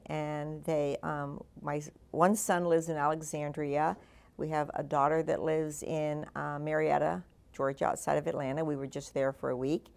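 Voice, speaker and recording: An older woman from Washington, D.C., telling her life story as an award honoree, relaxed and halting with frequent fillers. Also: sits low, vocal fry.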